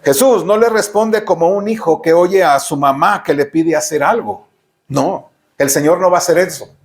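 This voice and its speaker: A male pastor with a Mexican Spanish accent preaching a sermon in a notably high voice. He is emphatic and direct, and he keeps turning to the congregation with rhetorical questions. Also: moderate pace.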